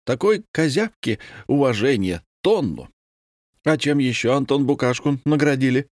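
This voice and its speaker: A man's voice: medium pitch, animated, moderate pace, darkish tone, no room sound, studio quality, pitched above the performer's own voice, lightly acted. A man reading a story, voicing a grumbling, envious male commandant who complains indignantly.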